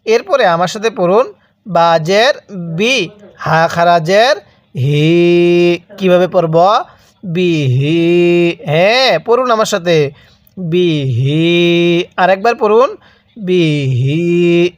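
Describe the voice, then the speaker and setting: A man with a high voice from Bangladesh patiently teaches Quran reading, stretching syllables slowly and repeating them so his learner can follow along. It's a studio-quality recording without echo.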